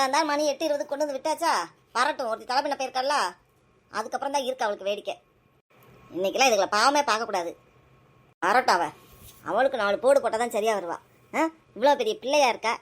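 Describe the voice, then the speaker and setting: A woman scolds her children in a scripted family skit. Her voice sits high, and she nags loudly in quick, sharp bursts. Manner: scolding, nagging, loud and rapid.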